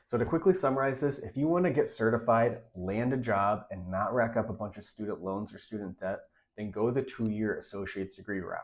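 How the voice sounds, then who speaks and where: Still nasal and congested after a recent illness, a young man with a lowish voice talks fairly quickly to camera in a casual advice vlog. A radiology tech by trade, he offers career advice directly and emphatically, going over key points again.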